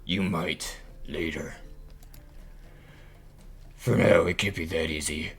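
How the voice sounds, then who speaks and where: A man doing a gravelly, brooding killer suitor. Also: sits low, steady tone, slow pace, soft background music, heavily acted. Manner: gruff, withholding, teasing menace. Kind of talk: reading game dialogue aloud.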